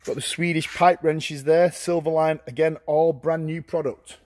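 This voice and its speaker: Brisk man touring a warehouse. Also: fairly high pitch, steady tone, a little mellow. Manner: brisk, listing items in short phrases. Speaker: auctioneer giving a viewing tour. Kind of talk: walking tour commentary. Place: large indoor warehouse with shelving.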